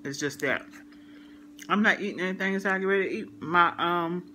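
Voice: mid-range voice, a little fast, pushed and bright, slight background noise. A vlogger, talking while chewing, chatting casually to viewers in a rambling way with many fillers. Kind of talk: casual eat-with-me chat to viewers.

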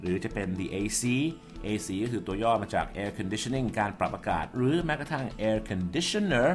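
A man with a slightly low voice teaches vocabulary, walking through each word carefully and spelling it out. Soft music plays quietly beneath him. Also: lively intonation, measured pace. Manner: explains word by word, spells out letters. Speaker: English teacher. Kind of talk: vocabulary explanation.

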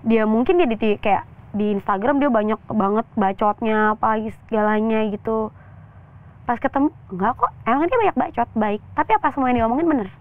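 A young woman actress, a guest in an interview, talking openly and telling a personal story in a chatty, animated way with quoted voices. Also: a little high, fairly quick, dry recording. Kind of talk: candid interview talk. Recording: tinny phone-like sound.

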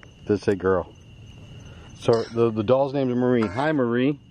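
A man hosting a casual ghost-hunting vlog at a cemetery, speaking calmly and asking questions of spirits. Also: moderate pace, slight background noise. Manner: asks questions of spirits, calm and low-key. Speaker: paranormal vlog host. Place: cemetery outdoors at night.

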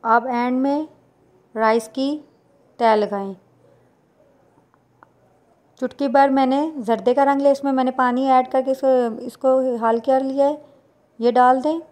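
A woman, talking viewers through a recipe step by step in a plain, unhurried voice-over. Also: sits high, steady tone, darkish tone. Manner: plain instructional, unhurried with small restarts. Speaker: cooking channel host.

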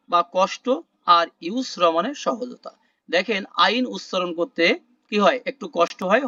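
Guy teaching online class, high voice, keeps repeating words n asking questions, dry muffled sound. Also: pushed and bright, no echo. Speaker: Quran vocabulary teacher. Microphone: video call.

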